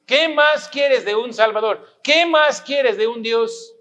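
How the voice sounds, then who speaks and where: A man's voice: very high-pitched, slow, bright, forceful tone. A pastor preaching a sermon, pressing his listeners with rhetorical questions and repeating his points for emphasis.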